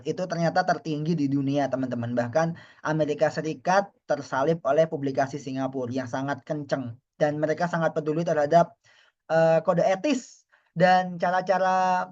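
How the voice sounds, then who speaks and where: A man's voice: on the high side, muffled recording. A man from Indonesia, a university lecturer, giving a friendly, chatty online webinar lecture and often addressing the audience as friends.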